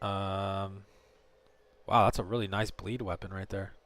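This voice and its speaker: A man's voice: low voice, steady tone, a little slow, fairly bright tone. A man streaming a game, talking to viewers in live commentary and swearing often as he rants.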